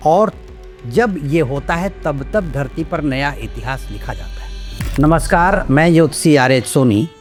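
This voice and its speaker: Older male astrologer, lecturing, higher voice. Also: animated, a little slow, faint music behind. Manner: lecturing, lists points one by one. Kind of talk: explanatory astrology talk to camera.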